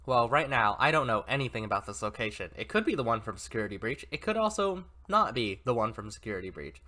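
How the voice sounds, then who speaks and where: Chatty male reader with asides and self-corrections, animated pitch. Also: fast talker. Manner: chatty, self-correcting, laughs at own mistakes. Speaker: story reader and commentator. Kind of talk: reading an interactive novel aloud with asides.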